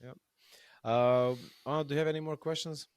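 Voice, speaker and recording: A man's voice: on the high side, steady tone, a little fast, darkish tone, smooth, no echo, clean studio sound. A man hosting an interview, telling anecdotes casually with frequent fillers and laughs. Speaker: host. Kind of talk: casual interview chat, storytelling.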